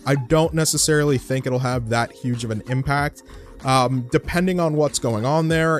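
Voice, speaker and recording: A young man hosting a solo podcast, talking in a loose, chatty way with plenty of fillers and restarts. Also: medium pitch. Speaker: podcast host. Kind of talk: casual solo podcast talk.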